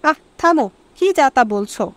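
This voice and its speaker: A woman voicing a mild, practical young husband in a storybook reading, with little change from her own high voice. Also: expressive, measured pace, no room sound.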